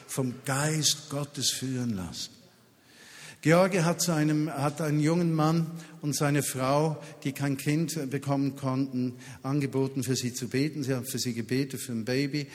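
Male preacher, mid-pitched, emphatic, repeats lines for effect, reverberant hall. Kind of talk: sermon with personal stories. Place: large hall at a summer festival.

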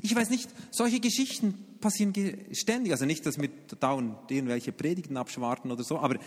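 Middle-aged man, pastor telling lively sermon anecdotes; husky, a bit high, big reverberant hall. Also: fairly quick. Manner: animated storytelling with sudden pitch jumps and asides.

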